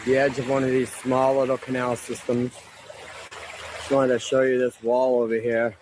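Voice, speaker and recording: A man out of breath, excitedly narrating as he walks outdoors by a river canal, filming on a handheld camera. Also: mid-range voice, moderate pace. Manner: excited, amazed commentary. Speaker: vlogger exploring ruins. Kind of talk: outdoor walking vlog. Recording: noisy outdoor ambience.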